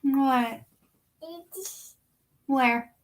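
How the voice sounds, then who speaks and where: Slow-talking folksy young mother. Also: high-pitched, flat delivery. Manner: slow drawl with folksy slang, teasing. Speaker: mother of the toddler. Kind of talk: casual chat. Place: bedroom.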